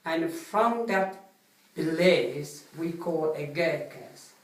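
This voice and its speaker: An older man from Nepal with a Nepali accent, a retired soldier answering interview questions politely and haltingly, with many fillers. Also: on the high side, animated. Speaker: guest, retired Gurkha soldier. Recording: echoey room, mic some distance off.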